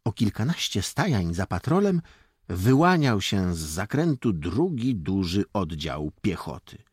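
A low, husky male voice reads an audiobook slowly and deliberately, with a widely swinging pitch. The sound is dry and close. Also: sing-song, no room sound. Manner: slow, deliberate reading that acts out the dialogue. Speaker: narrator. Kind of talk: audiobook narration with footnotes.

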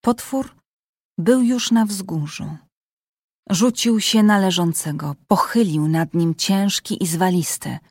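A woman narrating a dark story as an audiobook, with measured, suspenseful reading. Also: fairly low pitch, breathy edge, no echo, studio quality.

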